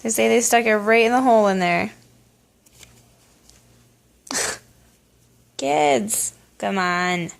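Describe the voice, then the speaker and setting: A woman's voice: medium pitch, steady tone, slow pace, creaky, pauses often. A young adult woman, a mom vlogger, chatting in an upbeat, instructive way and giving parenting tips. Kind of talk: casual vlog chat and parenting tips.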